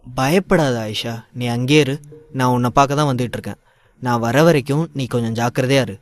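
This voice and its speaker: A man's voice: medium pitch, a little fast, no echo, lightly acted. A man doing a worried, protective young hero. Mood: worried, reassuring. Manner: anxious, reassuring.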